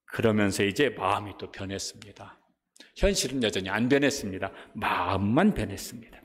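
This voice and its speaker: A man preaching a sermon as a pastor, animated and acting out quoted voices. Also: on the low side, a little fast, big-room sound.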